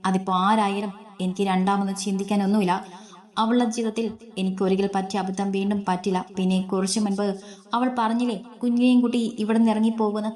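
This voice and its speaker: A woman's voice: medium pitch, little pitch movement, fast talker, a little mellow, close to an everyday voice. A woman voicing a proud, stubborn middle-aged mother who speaks firmly and resolutely. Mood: stern resolve. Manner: firm, resolute.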